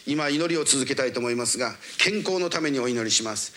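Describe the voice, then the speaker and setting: A man's voice: medium pitch, animated, a little fast, sharp tone. A male pastor leading a long fervent prayer in formal, honorific speech, with commanding rebukes.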